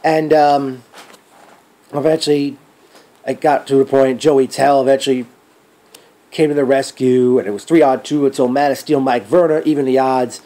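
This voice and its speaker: A man giving a casual spoken event recap as a fan, rambling and thinking aloud with trailing pauses. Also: medium pitch, steady tone, dark tone.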